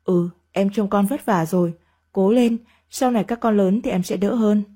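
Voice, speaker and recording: A woman voicing a calm young husband who speaks reassuringly to his wife. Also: mid-range voice, moderate pace, husky, close to an everyday voice.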